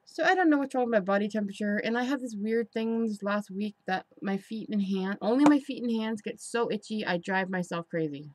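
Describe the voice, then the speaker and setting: A woman giving a candid, rambling confessional vlog, sounding frustrated and halting as she talks indoors. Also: mid-range voice, a little mellow, dry recording, poor audio. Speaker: personal vlogger. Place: indoors in an apartment.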